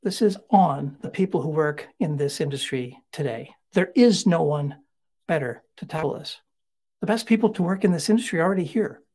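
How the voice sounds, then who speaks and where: A middle-aged man delivers a keynote talk in a husky, slightly breathy voice. He tells stories in a lively, conversational way, dropping in asides as he goes. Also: on the high side, brisk. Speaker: keynote speaker.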